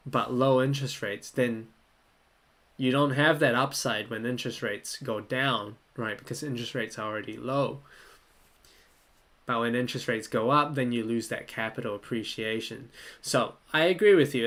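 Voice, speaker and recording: A young man from Malaysia, hosting a casual livestream Q&A at his desk, relaxed and chatty, often laughing and thinking aloud. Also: mid-range voice. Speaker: livestream host answering viewer questions. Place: small room indoors.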